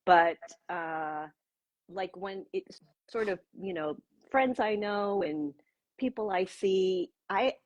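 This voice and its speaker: A sixty-year-old woman speaks as an interview guest over a video call. Her voice is husky and a little breathy, and her talk is chatty and easygoing, full of small fillers. The sound is dry and somewhat dull, like lo-fi livestream audio. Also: medium pitch, slow, no echo. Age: 60s. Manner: chatty, with frequent fillers and laughs. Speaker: guest, pro-age blogger. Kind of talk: casual conversational interview.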